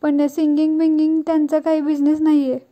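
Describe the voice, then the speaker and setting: A woman's voice: sits high, completely flat delivery, brisk, mellow, close to an everyday voice. A woman voicing a frightened young son-in-law who nervously pleads his case while she retells a TV serial episode.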